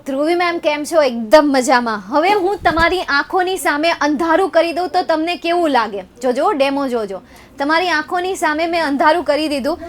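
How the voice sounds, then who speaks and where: Young Gujarati woman tutor, high-pitched, playful and teasing on a live class. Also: normal speed. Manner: playful, teasing, chatty with students. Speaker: online tutor. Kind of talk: chatty live exam revision lesson.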